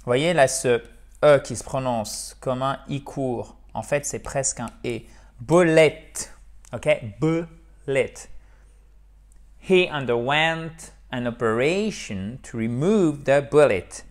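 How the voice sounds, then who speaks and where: Man teaching English, chatty. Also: mid-range voice. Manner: lively, repeats words slowly, asks ok?. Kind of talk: casual video lesson.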